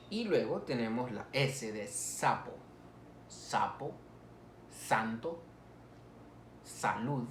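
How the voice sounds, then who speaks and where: A male teacher, giving a slow phonetics lesson and repeating each example word for students to copy. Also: mid-range voice, slight background noise. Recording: echoey room.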